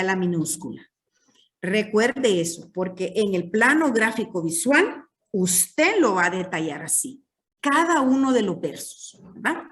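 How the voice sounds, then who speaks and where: A woman's voice: mid-range voice, fairly bright tone, recorded from a distance. A woman teaching a literature class, explaining patiently and checking in with her students often.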